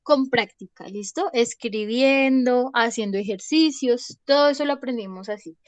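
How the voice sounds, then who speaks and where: A woman's voice: a little high, normal speed, dry recording. Woman teaching English online. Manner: patient, repeats "¿listo?" to check understanding. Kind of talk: online class lesson.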